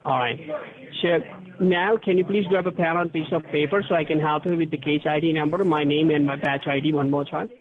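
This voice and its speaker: Over a tinny phone connection full of crowd chatter, a scam caller pretending to be a tax officer talks briskly in a fairly high voice with fairly even intonation. His delivery is a formal, scripted spiel that sounds official and walks through instructions step by step.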